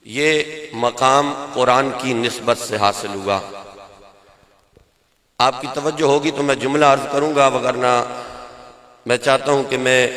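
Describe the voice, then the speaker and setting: A man's voice: mid-range voice, fairly bright tone. A man preaching a sermon at a religious gathering, leading the crowd in call-and-response chants with fervent delivery. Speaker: cleric. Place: large gathering hall with loudspeakers. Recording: echoey hall sound system with a crowd.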